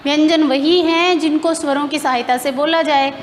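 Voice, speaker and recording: A woman's voice: sits high, fairly even intonation, moderate pace, long reverb tail, slight background noise. A woman teacher explaining grammar step by step in a classroom lesson, asking questions and answering them herself.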